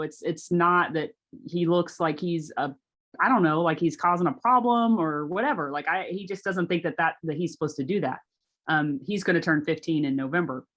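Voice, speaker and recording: A woman's voice: fairly low pitch, fairly bright tone. A woman, giving a casual workshop presentation on a video call, chatty and conversational.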